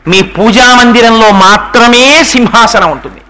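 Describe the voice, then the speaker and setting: A man's voice: very high voice, a little slow, bright, forceful tone, poor audio. A man giving a devotional discourse, chanting verses and then explaining them with pointed rhetorical questions to the listener. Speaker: religious discourse speaker.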